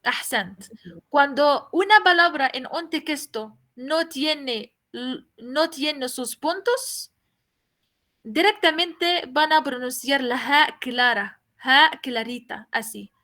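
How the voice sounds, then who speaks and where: A woman's voice: high-pitched, lively intonation, takes it slowly, pushed and bright. A woman teaching a language class, explaining patiently, repeating each point and asking her students questions. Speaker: Arabic teacher.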